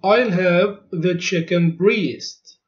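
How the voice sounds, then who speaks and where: A man teaching a language lesson, saying each short phrase twice in a clear, deliberate drill. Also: high voice. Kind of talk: slow repeated phrase drill. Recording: dull lo-fi recording.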